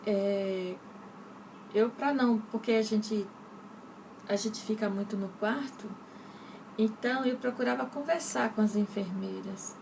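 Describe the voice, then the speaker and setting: A woman's voice: mid-range voice, vocal fry. A woman from Brazil, earnestly telling a personal faith testimony in a rambling way and speaking straight to her listeners. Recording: distant mic with noticeable background noise.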